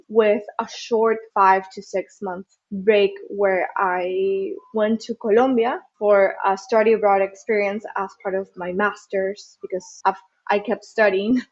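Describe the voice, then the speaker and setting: Young woman from Venezuela, podcast guest, relaxed and chatty, slightly dull lo-fi recording. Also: medium pitch. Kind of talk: casual interview chat.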